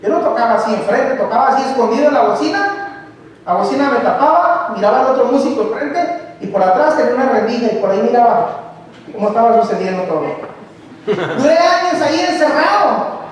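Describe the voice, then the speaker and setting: A man preaching a conversational sermon in a church, often asking the congregation direct rhetorical questions. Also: very high-pitched. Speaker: lay preacher. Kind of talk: conversational sermon with personal testimony. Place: church sanctuary. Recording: distant mic in a reverberant hall.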